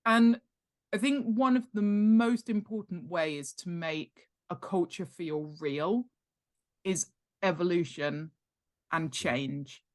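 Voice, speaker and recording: A middle-aged British woman, an author and world-building expert, appears as a guest on a podcast interview, explaining things conversationally. Her voice sits on the low side and she takes her time. She drives her points home by repeating words for emphasis.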